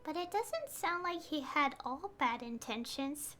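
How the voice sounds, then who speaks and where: A woman's voice: high-pitched, expressive, unhurried, bright, forceful tone. A woman streaming a video game, reading dialogue aloud and commenting casually. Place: indoor livestream setup, game music behind.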